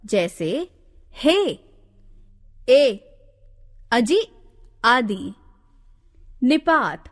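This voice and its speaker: Slow, lively-pitched woman teaching grammar. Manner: slow, deliberate listing of examples one by one. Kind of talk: scripted grammar lesson narration. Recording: long hall reverb.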